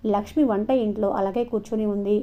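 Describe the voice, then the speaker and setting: Mellow woman reading a novel aloud. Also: medium pitch, little pitch movement, fast. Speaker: narrator. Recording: dull lo-fi recording.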